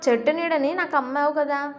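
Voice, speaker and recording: A woman voicing a clever man who answers calmly and evenly as she tells a story. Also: high-pitched, brisk, natural voice. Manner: calm and even. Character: calm clever man, quietly sure of himself. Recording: dull lo-fi recording.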